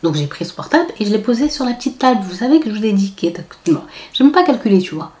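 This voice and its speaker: A woman's voice: medium pitch, racing. A woman vlogger telling a story in a casual storytime style, acting out the people she quotes and dropping to whispers for asides. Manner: animated, acts out quoted voices, drops to whispered asides.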